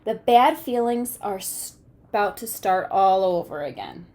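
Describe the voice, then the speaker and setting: A woman teacher reads a picture book aloud to children with expression, stopping to ask questions and make sure they understand. Her voice is on the high side with a darkish tone.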